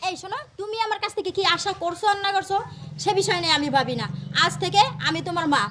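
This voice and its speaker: Young bride played by a woman, cold and commanding, very high and quick. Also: noisy background. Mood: dismissive.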